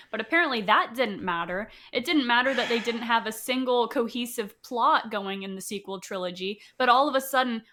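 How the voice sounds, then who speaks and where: A woman's voice: fairly high pitch, pushed and bright. A young woman co-hosting a podcast, talking in an enthusiastic, emphatic, casual way. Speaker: podcast co-host. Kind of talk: casual chat.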